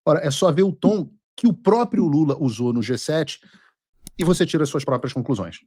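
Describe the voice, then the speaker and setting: Brazilian guy doing political commentary, snarky, bit high voice, dry close sound. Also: animated, brisk, warm tone, slightly rough, no echo. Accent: Brazilian Portuguese. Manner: sarcastic, mocking, translates clips aloud.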